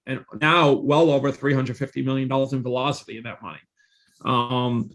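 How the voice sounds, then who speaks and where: Here a man in his forties with a medium-pitched, fairly bright voice is a guest on a podcast. He's a real estate investor, and he relates his career story with salesy confidence and emphatic repetition.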